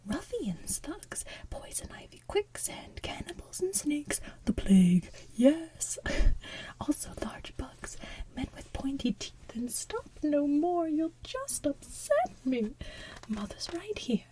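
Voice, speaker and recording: Manipulative cartoon villainess mother, played by a woman: high, breathy half-sung whisper, cooing, theatrical, condescending. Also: big pitch swings, slow, dark tone, heavily acted. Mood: ominous, scolding, then smothering, sweet. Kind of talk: soft-sung animated musical villain song.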